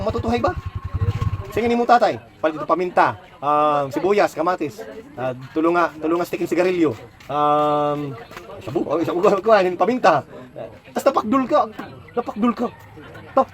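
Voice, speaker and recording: A man tutoring a child at home, patiently coaxing answers with lots of questions. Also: high-pitched. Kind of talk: home lesson, quizzing a child.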